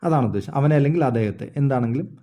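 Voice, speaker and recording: Warm-voiced man teaching English. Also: mid-range voice, animated. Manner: explains slowly, repeats words, asks "understood?". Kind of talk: spoken English lesson.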